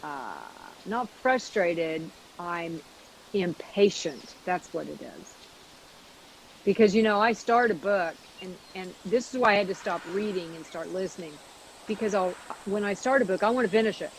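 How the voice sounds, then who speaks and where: A middle-aged woman chatting casually, haltingly searching for her words. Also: fairly low pitch, a little hiss or hum, poor audio. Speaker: streamer's mother and guest. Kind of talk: casual chat.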